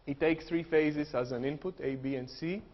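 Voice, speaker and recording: Speaking with a Greek accent, this engineering professor from Greece has a fairly high, steady voice and keeps a normal pace. His technical lecture mixes jokes and explanations with frequent "uh" fillers, captured in a dull, lo-fi hall recording full of long reverb.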